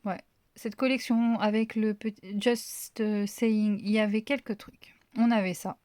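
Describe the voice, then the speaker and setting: A woman's voice: medium pitch, steady tone, a little slow, darkish tone, no echo. A woman showing her crafting finds in a casual, rambling haul chat, full of fillers. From France. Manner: chatty, rambling, many fillers. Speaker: craft vlogger.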